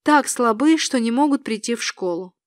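Woman putting on a brusque middle-aged school nurse, curt and matter-of-fact, storybook reading, voice pitched a little lower and slower than the narration, dry close sound. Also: expressive, no echo, close to an everyday voice. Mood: sober.

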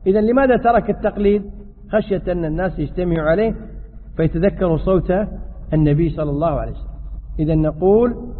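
A man, a sheikh, giving a religious lesson and answering questions from the audience in a quick, explanatory way. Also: sits high, slight background noise. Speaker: sheikh teaching fiqh. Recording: tinny, echoey hall sound.

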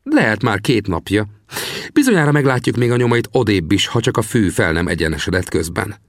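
A man's voice: lowish voice, very animated, no room sound, studio quality, voice pushed up. A man voicing a teasing old male frontier trapper in an audiobook, with a mocking, cackling manner.

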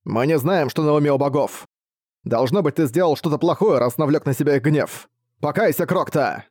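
A man's voice: fairly high pitch, moderate pace, a little mellow, husky, no room sound, clean studio sound. A man playing a fanatical cult assassin. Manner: declaiming, fanatical. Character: zealous male cult assassin, preachy.

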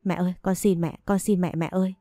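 A woman voicing a meek young wife in a storybook reading, begging and imploring her mother-in-law. The voice sits low and mellow, recorded dry and close. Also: steady tone, fast, dry recording, soft background music, natural voice. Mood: pleading. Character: young wife, pleading and humble.

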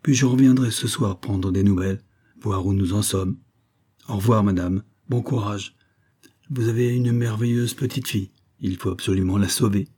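A man voicing a kindly, solemn doctor who speaks gently and earnestly, in an audiobook. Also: fairly low pitch, normal speed, husky. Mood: reassuring.

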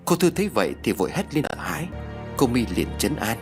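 A man narrating a ghost story audiobook in a lively storytelling voice. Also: medium pitch, a little fast, music in the background.

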